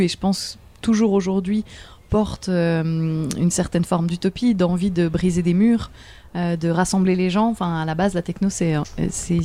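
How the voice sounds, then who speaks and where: A woman talks as a guest in a casual radio interview. Her voice sits fairly low and sounds dark and mellow. She hesitates a lot, filling pauses with small sounds and chuckling now and then. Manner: hesitant, many fillers, laughs often. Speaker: theatre director, guest.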